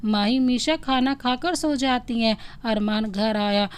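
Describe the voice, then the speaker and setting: A woman's voice: fairly high pitch, measured pace, clean tone. A woman narrating a scripted bedtime love story, reading plainly and announcing each speaker by name.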